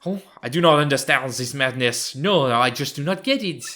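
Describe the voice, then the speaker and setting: A man's voice: mid-range voice, expressive, pushed and bright. A man putting on an exaggerated French accent to voice a fussy, bewildered Frenchman from a video game. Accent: fake French. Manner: exaggerated put-on accent, slow and puzzled.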